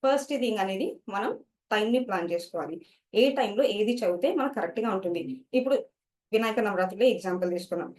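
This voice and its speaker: A woman's voice: on the high side, far from the mic. A woman teacher, explaining study skills to students and mixing English words into her talk.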